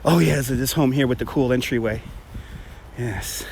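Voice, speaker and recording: A man chatting casually and enthusiastically as he hosts a live stream on a walk outdoors in the wind, rambling and repeating his phrases. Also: mid-range voice. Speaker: livestream host walking and showing holiday lights. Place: outdoors walking on windy residential streets. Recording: loud wind noise on outdoor mic. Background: wind and rain-like rushing noise.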